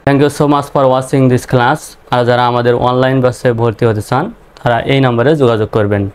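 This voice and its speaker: A man teaching English vocabulary in a slow lesson, spelling words out letter by letter and repeating each meaning patiently. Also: medium pitch, fairly even intonation, clear, resonant tone.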